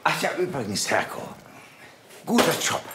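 An actor playing a bumbling, pompous police chief in a crime comedy, talking in an awkwardly overbearing way. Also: male voice, mid-range voice, very animated, moderate pace, close to an everyday voice. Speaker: police detective. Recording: noisy TV soundtrack.

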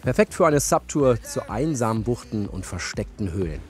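A man as a travel reporter, giving calm, scripted documentary narration and asking a local guide questions. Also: medium pitch, normal speed. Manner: calm, even storytelling delivery. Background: music.

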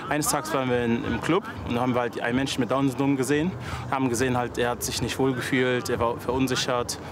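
A man in his twenties from Germany giving a relaxed interview statement with many fillers, outdoors in town. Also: medium pitch, fast talker. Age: 20s. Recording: outdoor street noise behind.

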